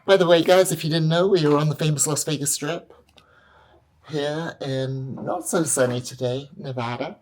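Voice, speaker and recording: A woman's voice: deep voice, normal speed, darkish tone. Chatty woman vlogging. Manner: chatty, upbeat, addresses viewers directly. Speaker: independent film director. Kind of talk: casual behind-the-scenes vlog.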